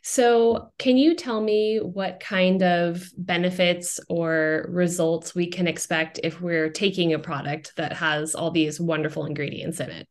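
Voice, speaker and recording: A woman's voice: on the low side, steady tone, a little slow, few pauses. A woman hosting a podcast, chatting casually with lots of "like" fillers. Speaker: podcast host. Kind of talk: casual chat.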